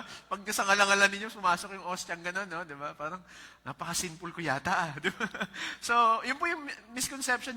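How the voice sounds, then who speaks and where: A man's voice: high-pitched, sharp tone. A Filipino man preaching a conversational sermon as pastor, mixing in English and chuckling as he tells stories. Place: church sanctuary. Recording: church hall reverb.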